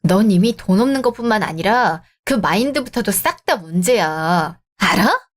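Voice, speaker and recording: A woman's voice: medium pitch, lively intonation, normal speed. A woman acting the heroine in a radio drama, cold and cutting as she speaks.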